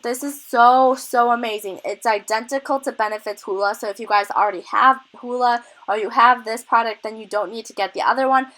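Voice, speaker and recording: The recording is low-quality as a young beauty vlogger, sniffly with a cold and a bit breathless, chats enthusiastically about products during a makeup tutorial. Her voice is a little high and fairly bright, and she talks briskly with few pauses.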